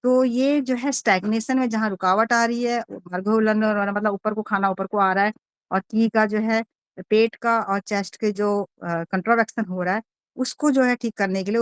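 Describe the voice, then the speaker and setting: A woman's voice: medium pitch, clean tone, dry recording. Give me a woman teacher reading and explaining course notes to students. Her voice sits in an ordinary middle range and sounds close and dry. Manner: explains in Hindi with English readouts, many fillers. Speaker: acupressure teacher. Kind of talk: online class lecture.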